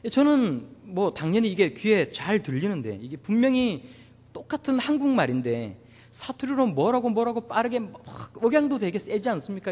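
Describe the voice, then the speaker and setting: A pastor from Busan with a Gyeongsang accent, preaching a sermon with humorous, anecdotal storytelling. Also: male voice, sits high, darkish tone, in a large hall. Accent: Gyeongsang Korean.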